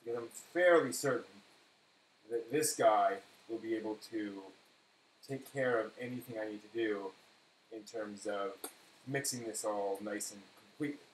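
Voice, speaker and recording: At a counter in an indoor kitchen, a live stream host gives a casual cooking demonstration, rambling and correcting himself as he explains the steps while working. His voice is lowish at a moderate pace, and the recording has an echoey room and clear background noise.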